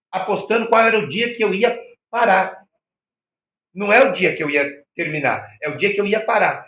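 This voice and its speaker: Brazilian man telling a story. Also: high voice. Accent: Brazilian Portuguese. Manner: acts out quoted dialogue in lively, shifting voices. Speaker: interview guest. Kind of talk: anecdotal storytelling. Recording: echoey room.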